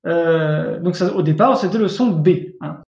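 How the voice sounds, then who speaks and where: Slow-spoken man teaching an online class. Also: on the high side, vocal fry, a little mellow. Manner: patient, repetitive, often checks understanding with asides. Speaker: Coptic language teacher. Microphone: video call. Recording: echoey room, dull lo-fi sound.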